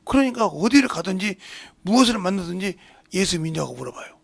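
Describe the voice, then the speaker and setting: Older guy preaching, real gravelly and husky, goes quiet then loud, kinda high voice. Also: lively intonation, brisk. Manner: swings between hushed asides and loud emphatic preaching. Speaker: pastor. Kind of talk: sermon.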